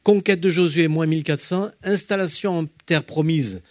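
A man teaching a Bible study, walking listeners through slides with emphatic, lively explanations. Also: fairly high pitch, moderate pace, no echo, clean studio sound.

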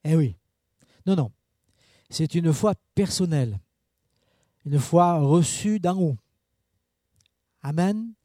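Preaching in a chatty manner, a man fills his sermon with asides to the congregation and plenty of fillers, varying his pitch and volume dramatically. It's recorded in a studio, with no room sound.

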